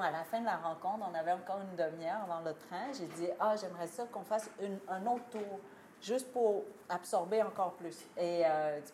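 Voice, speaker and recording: A woman telling a lively anecdote to an audience, laughing often and acting out what people said. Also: medium pitch, slight background noise. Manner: animated storytelling, laughing often, acts out quoted lines. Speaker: guest author telling a story. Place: live talk venue. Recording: roomy live venue, faint ambience.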